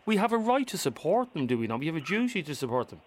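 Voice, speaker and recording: A man's voice: on the high side, big pitch swings, quick pace. A middle-aged man, hosting a radio phone-in conversationally and pressing his points with repeated phrases.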